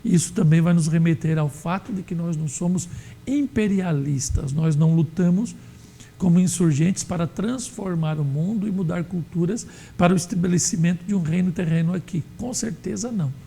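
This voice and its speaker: A man from Brazil teaching an adult Sunday school Bible lesson, explaining in a measured way with frequent fillers. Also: high-pitched, gravelly, dark tone, slightly rough.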